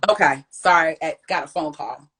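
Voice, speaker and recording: A woman from the US hosting a casual family chat, animated and laughing often as she tells stories. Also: low voice, normal speed. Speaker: host.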